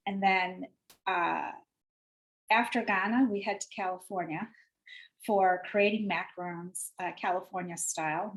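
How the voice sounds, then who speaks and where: A woman's voice: lowish voice, rough recording. A woman hosting a webinar over a video call, reading announcements and introducing guests, with frequent uh fillers. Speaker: webinar host.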